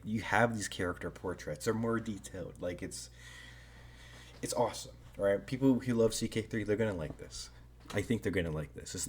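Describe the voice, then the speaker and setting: A man's voice: low voice, a little mellow, slightly rough. A man giving casual, rambling video commentary on a strategy game, hedging often and tagging thoughts with "right?".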